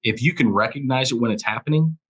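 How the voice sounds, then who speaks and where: A man's voice: medium pitch, fast talker, breathy edge. A man, a former police officer and crisis coach, speaking as an interview guest in an emphatic way, often repeating phrases for emphasis. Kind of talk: casual interview conversation.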